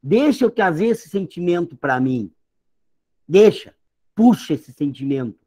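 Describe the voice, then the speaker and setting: A man's voice: fairly high pitch, expressive, a little slow, mellow. A man with a Brazilian Portuguese accent, a pastor giving an informal, joking sermon talk with conversational asides.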